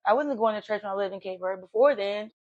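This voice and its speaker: A woman guest telling her life story in a casual, animated way, her voice jumping high when excited. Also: fast talker, highs cut off.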